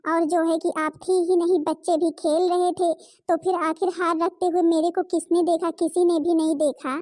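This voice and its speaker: A woman's voice: extremely high pitch, little pitch movement, moderate pace, dark tone, no echo, studio quality. A woman voicing an anxious young daughter-in-law in a cartoon, pleading and flustered. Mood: worried.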